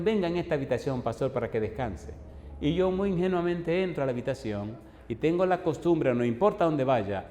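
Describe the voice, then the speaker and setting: A man's voice: medium pitch, dark tone. A man, a pastor preaching a sermon, telling stories and acting out both sides of the dialogue while pressing the congregation with yes-or-no questions. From Dominican Republic. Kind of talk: sermon storytelling. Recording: echoey hall with faint noise.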